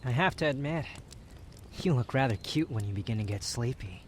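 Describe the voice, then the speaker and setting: A man's voice: mid-range voice, expressive, brisk, close to an everyday voice. Male actor as aloof young wanderer, prickly, formal, grudgingly tender, romantic audio roleplay, ambient noise behind. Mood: soft, teasing. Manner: haughty, dry, formal wording with reluctant tenderness.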